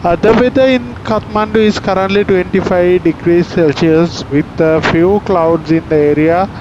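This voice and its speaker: A man speaking as an airline captain, giving a formal, halting flight-crew announcement to passengers. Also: steady tone. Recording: dull muffled audio, loud aircraft cabin rumble.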